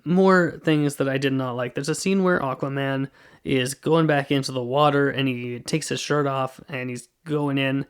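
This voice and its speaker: A man's voice: medium pitch, clean tone. A man hosting a solo movie podcast, reviewing a film in a casual, rambling way and often correcting himself. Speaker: podcast host.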